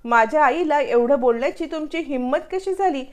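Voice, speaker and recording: A woman's voice: high voice, normal speed, darkish tone, pitched above the performer's own voice, natural voice. A woman reading the lines of a defiant young boy standing up for his mother. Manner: angry, defiant.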